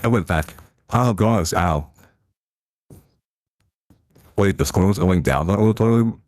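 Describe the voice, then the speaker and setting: A man streaming a game through a deep pitch-shifting voice changer, chatting casually and reacting aloud to what happens on screen. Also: takes it slowly, darkish tone. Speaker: live streamer. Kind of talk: casual gameplay commentary.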